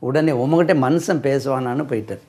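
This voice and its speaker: A man's voice: mid-range voice, a little fast, mellow. A man with a Tamil accent teaching spoken English, repeating phrases and spelling words out letter by letter.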